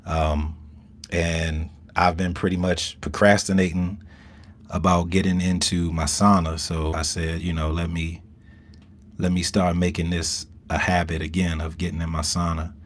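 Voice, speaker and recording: An American man from Southern Maryland chatting casually on a live stream from inside a small home sauna, halting and rambling in an unhurried way. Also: sits low, flat delivery. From Southern Maryland, USA.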